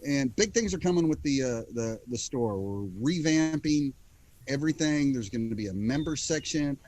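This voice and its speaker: A man's voice: medium pitch, lively intonation, moderate pace, a little mellow, a little hiss or hum, poor audio. A man co-hosting a podcast in casual chat over a video call. He jokes often and repeats words as he gets started. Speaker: podcast co-host.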